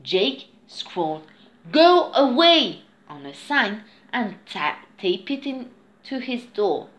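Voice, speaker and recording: A woman reading a children's picture book aloud in an expressive storytelling manner. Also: medium pitch. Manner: slow, expressive, singsong storytelling.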